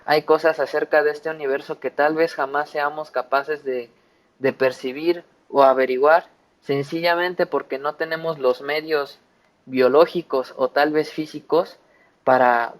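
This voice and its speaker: A man's voice: fairly high pitch, fairly even intonation, unhurried. Reflective Mexican man, informal explanation. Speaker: panel speaker in a philosophy discussion.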